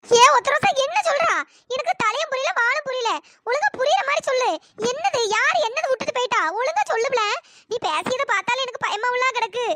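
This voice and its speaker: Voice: a little fast, sharp tone, a little hiss or hum. A grumbling cartoon village woman. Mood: alarmed, scolding. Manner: grumbling, scolding, talks to herself. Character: grumbling village woman, Chellathayakka, fussy, bossy neighbor. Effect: pitch-shifted up. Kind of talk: cartoon voice acting.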